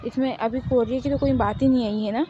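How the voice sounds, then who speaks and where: A woman's voice: on the high side, steady tone, fast talker, dark tone, a little hiss or hum, natural voice, rough recording. A woman voicing a nagging middle-aged mother who coaxes her daughter to marry. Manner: nagging, coaxing.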